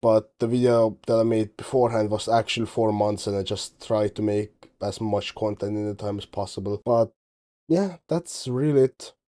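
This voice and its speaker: The young man, a teenager from Estonia whose first language is Estonian, has a warm, fairly low voice and speaks English at an ordinary pace. He narrates a screen recording of his game project in a worn-out, offhand way, drifting around and correcting himself a lot as a game dev vlogger.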